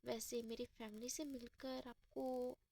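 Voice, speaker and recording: A woman voicing a caring, teasing young woman in a storytelling romance, speaking softly and playfully. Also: a little high, level tone, unhurried, slight background noise.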